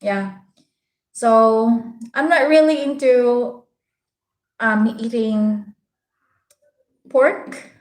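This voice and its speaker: Female livestream host, Bisaya Filipino accent, higher voice, polite halting chat, roomy echo. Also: darkish tone. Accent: Filipino, Visayan (Bisaya). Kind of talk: casual live chat, answering viewers' comments. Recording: roomy, echoing room sound.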